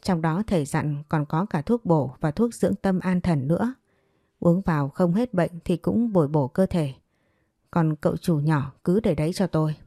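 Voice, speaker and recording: A woman's voice: lowish voice, normal speed, dark tone, no room sound, studio quality. A woman voicing a scheming second wife who speaks in a sugary, coaxing way. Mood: sweetly scheming.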